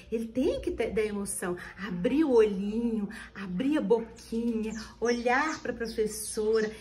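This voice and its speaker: A woman teacher giving tips to other teachers on video, explaining in an animated way and often restarting her phrases. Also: high-pitched, a little hiss or hum.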